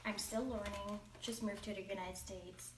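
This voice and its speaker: A woman's voice: mid-range voice, fairly even intonation, normal speed, background noise. A woman with a German accent, chatting casually through a cooking demonstration and now and then hunting for the English word. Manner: chatty, searching for English words. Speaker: cooking vlogger. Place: home kitchen. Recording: echoey kitchen, mic at a distance, clattering dishes.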